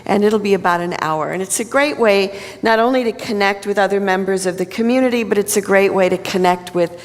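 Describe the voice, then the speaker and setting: A woman's voice: mid-range voice, fairly quick. A woman minister giving a conversational sermon at a pulpit microphone in a church. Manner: conversational, plain-spoken. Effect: speaking at a pulpit microphone. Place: church sanctuary. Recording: long reverb of a large hall.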